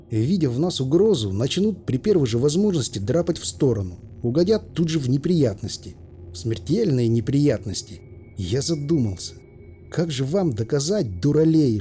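A man's voice: medium pitch, mellow, a little hiss or hum. A man narrating an audiobook in the first person, weary and dryly ironic, voicing the characters as he goes.

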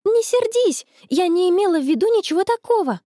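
A woman voicing an excitable, worried teenage schoolgirl in a storybook, talking high and fretful. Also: brisk, no echo, clean studio sound. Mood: worried, eager.

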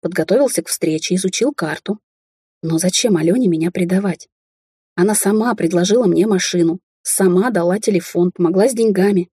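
A proud young heir from a wealthy Chinese family, quick to flare up, voiced by a woman reading a novel aloud. The tone is dark and mellow with a husky edge, recorded close and dry, with no room sound. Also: on the low side, no room sound. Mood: worried. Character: young Chinese man, rich heir, hot-tempered.

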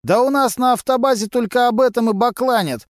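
A man's voice: extremely high pitch, a little fast, dry recording, studio quality, voice pushed up. A man voicing a cocky, mocking male mechanic who talks in thieves' slang, in an audiobook. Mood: brash. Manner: mocking, brash, full of criminal slang.

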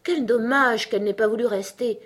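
A woman's voice: on the high side, moderate pace, voice pushed up, lightly acted. A woman reading the part of a polite, curious lory bird in a storybook.

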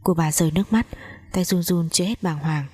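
Woman audiobook narrator, low dark husky voice, measured dramatic delivery. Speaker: storyteller. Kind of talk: audiobook narration of a romance story.

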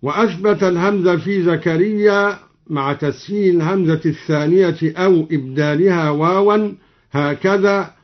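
A man explaining Quran recitation variants in a measured radio lesson, chanting each verse example, from an archival radio recording. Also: high voice, lo-fi sound. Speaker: Quran recitation teacher introducing the program.

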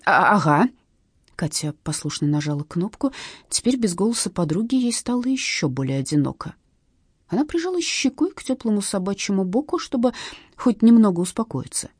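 A woman narrating a humorous story with an expressive, lively delivery. Her voice is husky, and the recording is close and dry with no room sound. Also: medium pitch, brisk, no echo. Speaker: audiobook narrator. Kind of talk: scripted narration.

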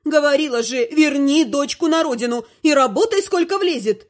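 A high, shrill old grandmother, as a woman reader puts her on, indignant and lecturing. She scolds theatrically and never lets anyone get a word in. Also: expressive, normal speed. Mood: indignant scolding. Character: haughty scolding old grandmother, sharp-tongued.

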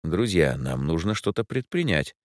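A man's voice: sits low, big pitch swings, normal speed, no room sound, clean studio sound. A man voicing an older, self-assured professor who talks formally. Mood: calm. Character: proud, fussy old male professor.

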